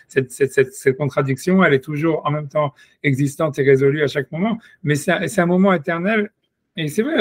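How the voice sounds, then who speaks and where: A Torah teacher with a fairly high-pitched male voice leads a rambling, casual discussion, full of restarts, asides to his listener, and repeated "tu vois". There's no echo on the recording.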